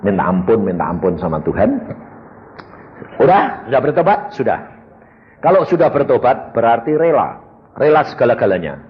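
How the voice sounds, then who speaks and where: A man's voice: medium pitch, normal speed, pauses often. An older man with a Javanese accent preaching a storytelling sermon, acting out dialogue in different voices. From Central Java, Indonesia. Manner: animated, acts out dialogue in voices. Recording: dull lo-fi recording with faint noise.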